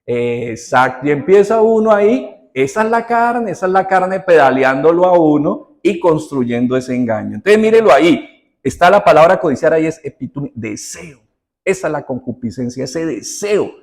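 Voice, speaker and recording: An animated male pastor with a somewhat high voice preaches a sermon at a moderate pace. Speaking conversationally to the congregation, he fires off rhetorical questions and shifts from loud, stressed phrases to quiet, intimate asides.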